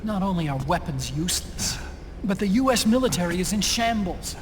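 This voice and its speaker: Otacon, high-voiced anxious tech expert. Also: male voice, animated, brisk, a little hiss or hum. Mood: despairing, pleading. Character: anxious, intellectual male tech-expert sidekick. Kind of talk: video game cutscene dialogue.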